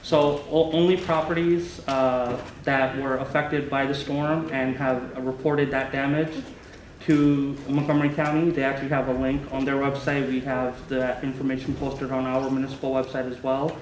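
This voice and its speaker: A man's voice: medium pitch, little pitch movement, normal speed, a little hiss or hum. A municipal staff man briefing the council in a polite, formal way. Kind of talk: official briefing. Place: council board room. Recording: echoey room, far mic.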